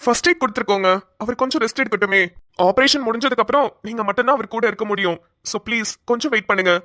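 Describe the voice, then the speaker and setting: A woman's voice: fairly high pitch, rapid-fire, a bit bright, no echo, studio quality, lightly acted. A woman voicing a polite, reassuring male hospital doctor in a cartoon. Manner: polite, reassuring, mixes English words. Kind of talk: cartoon voice acting.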